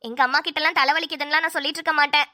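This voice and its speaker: A woman's voice: high voice, steady tone, very fast, pushed and bright. A woman voicing a sarcastic, fed-up young daughter-in-law in a cartoon, grumbling under her breath. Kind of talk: cartoon voice acting.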